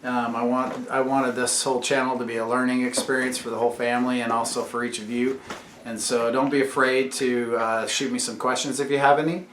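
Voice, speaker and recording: Speaking fairly quickly with little pitch movement, a dad who hosts a YouTube channel walks his kids through explanations and asks them questions in a casual home vlog. His voice is mid-range with a fairly bright tone. The home room he's in is echoey, with slight background noise.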